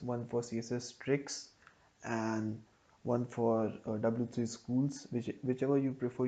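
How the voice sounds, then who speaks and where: A man's voice: medium pitch, mellow, dull audio. A man hosting a coding tutorial, thinking aloud as he types out code step by step. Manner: slow, thinking aloud while typing code.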